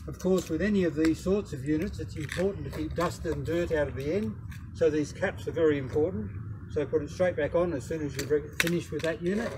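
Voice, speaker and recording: An older Australian man talks through a garden tool demo in a plain, unhurried way, pausing on ums and uhs. His voice sits a little high for a man. It's recorded outdoors in a front garden on a camera mic, with clear background noise. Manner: plain, unhurried, hesitant with fillers. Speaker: product demonstrator. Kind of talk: casual product demo.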